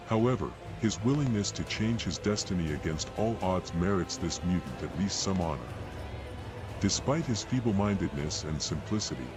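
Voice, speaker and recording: A cold, solemn executioner from a fantasy game, with a deep male voice. He declaims formally and grandly, like an official at a public rite. Heavy music plays behind him. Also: rough recording. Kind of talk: dramatic video game voice acting.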